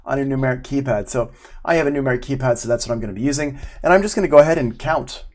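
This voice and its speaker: A man in his forties talks very fast in a mid-range voice, with slight background noise, as he runs an informal live online audio tutorial. He explains each step casually and conversationally, using an external desk microphone and wearing headphones.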